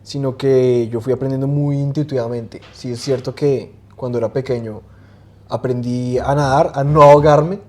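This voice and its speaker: A man in his twenties, a guest talking casually in an interview and often pausing with fillers and restarts. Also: mid-range voice. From Colombia. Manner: relaxed, hesitant, many fillers and restarts. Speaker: guest swimmer.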